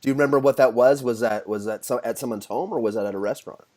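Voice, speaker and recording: A man's voice: medium pitch, very fast, mellow. A man hosting a casual interview, asking friendly questions with frequent restarts. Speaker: podcast host.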